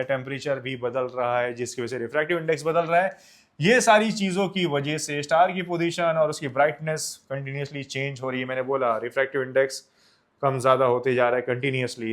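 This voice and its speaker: Using a mid-range voice, a young man from India delivers an exam-oriented science lesson. He switches between Hindi and English, answers his own questions, and refers to his students as children.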